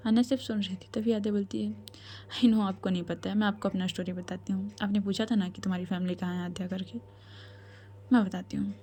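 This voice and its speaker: A devoted young woman pleads and confides in her sister, as a woman storyteller reads her in her own voice. The voice is mellow and sits at a middle pitch. She sounds tearful and earnest. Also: steady tone, fast talker, close to an everyday voice. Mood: confiding.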